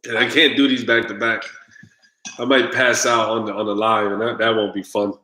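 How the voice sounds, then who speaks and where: A man's voice: on the low side, level tone, moderate pace, pushed and bright, reverberant, rough recording. A man hosting his own live stream, chatting casually and straight to his viewers. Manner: laid-back, talks straight to viewers, groans at the drink.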